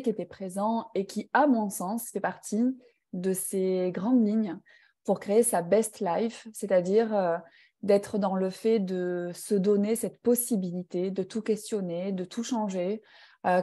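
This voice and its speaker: A woman leads a live online personal growth class, speaking to participants in a reflective, hesitant way with lots of fillers. Her voice is medium-pitched and mellow.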